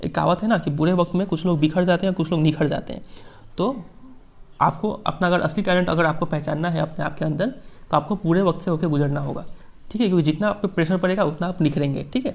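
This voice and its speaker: Indian guy teaching a class, bit higher voice with some gravel, reads slow then explains chatty. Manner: reads English lines slowly, explains in chatty Hindi, repeats "ठीक है". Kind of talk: Hindi-English class lecture explaining a text.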